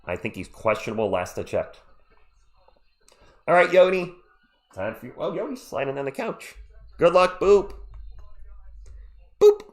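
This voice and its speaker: This man's voice is on the high side and very animated, delivered at a measured pace with long pauses. He has a cold but still hosts a laid-back live play-by-play stream, chatting jokily with his audience about the sports action.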